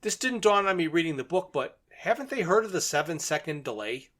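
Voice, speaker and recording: This podcast co-host is a man with a fairly high, somewhat bright voice who talks briskly and very animatedly. He casually recaps and chats about a story, tossing in wry, amused asides during a relaxed discussion of books and radio drama.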